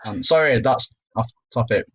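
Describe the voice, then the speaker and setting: Young man, husky, chatty. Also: medium pitch, normal speed, a bit bright, rough recording. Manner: swearing, laughing, rambling. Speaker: podcast co-host. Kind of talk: casual banter among friends.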